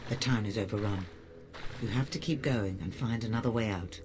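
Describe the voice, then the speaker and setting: A man's voice: on the low side, brisk, music in the background, natural voice. An actor playing a terse male ally in a video game, delivering urgent orders.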